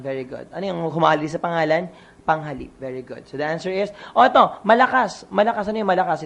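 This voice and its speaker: A man's voice: high voice, creaky, lo-fi sound. A man with a Filipino accent reviewing a Filipino grammar exam as a teacher, asking questions and answering them himself, mixing in English words.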